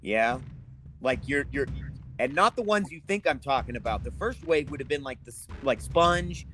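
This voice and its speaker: Opinionated man with lively pitch. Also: normal speed, a little hiss or hum. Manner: opinionated, swearing, emphatic. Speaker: podcast co-host. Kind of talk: casual chat.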